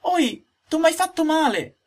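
A tiny squeaky talking log. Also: male voice, lively intonation, measured pace. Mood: whining. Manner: high, thin and squeaky, whining. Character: tiny thin-voiced talking piece of wood, childlike. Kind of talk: audiobook character voice.

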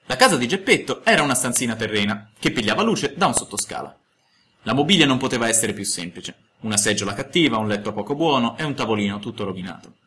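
A man narrating a classic tale as an audiobook, in an expressive storytelling cadence. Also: medium pitch, quick pace, a little hiss or hum.

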